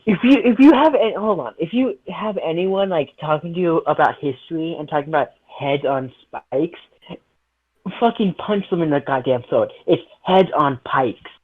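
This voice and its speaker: A man co-hosting a casual chat with friends, joking loudly and laughing often. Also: a little high, normal speed, breathy edge, no room sound. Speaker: podcast co-host. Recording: dull lo-fi voice chat.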